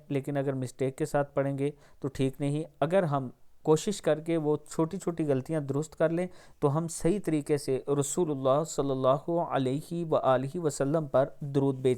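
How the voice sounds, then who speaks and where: Man, pakistani urdu accent, recitation teacher, steady narrow pitch, very clear resonant voice. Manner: drawls words slowly to model, then explains quickly. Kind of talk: pronunciation lesson.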